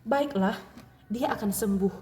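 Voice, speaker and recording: A woman voicing Jesus as a calm, gentle comforter, speaking softly and slowly in a lowered voice. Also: soft background music, close to an everyday voice. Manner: soft, slow, reassuring.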